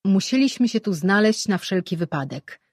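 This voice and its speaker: A woman voicing a thoughtful, worried sorceress in an audiobook, reading in a husky voice. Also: mid-range voice, lively intonation, moderate pace, a little mellow, no room sound, clean studio sound.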